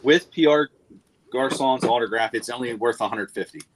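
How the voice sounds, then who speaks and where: A man co-hosting a casual reselling live show, calmly explaining practical methods with some hesitation. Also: mid-range voice, normal speed, crowd noise, low-quality recording. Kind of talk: casual group chat.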